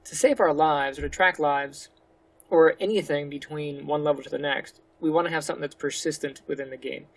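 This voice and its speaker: Man, gravelly voice, somewhat high, relaxed slightly slurred delivery, casual screen-recorded tutorial host. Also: a little fast. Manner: talks through each step with fillers like "go ahead". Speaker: game development tutorial host.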